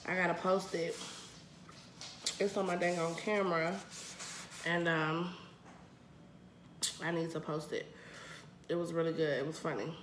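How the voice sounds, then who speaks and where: A woman's voice: lowish voice, flat delivery, unhurried, long pauses. An American woman in her thirties chatting casually and slangily to camera while she eats at home. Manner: slangy, talking between bites of spicy noodles. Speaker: mukbang vlogger. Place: indoor room at home. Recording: roomy echo, clear background noise.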